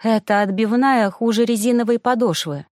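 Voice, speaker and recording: A woman's voice: fairly high pitch, moderate pace, darkish tone, no room sound, clean studio sound, close to an everyday voice. A woman voicing a grumbling young female student in an audiobook. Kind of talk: audiobook character voice.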